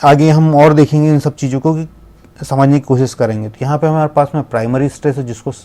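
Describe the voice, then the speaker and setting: A man giving a spoken lesson on English pronunciation, explaining in Hindi with English words mixed in and slowly spelling out sounds. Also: fairly high pitch, steady tone, warm tone. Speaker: English teacher. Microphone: laptop screen recording.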